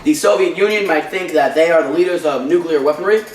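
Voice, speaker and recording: A man's voice: a little high, quick pace, natural voice. A young man playing an American president giving a formal address to the nation. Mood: solemn. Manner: speech-like address. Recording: echoey room, mic far off.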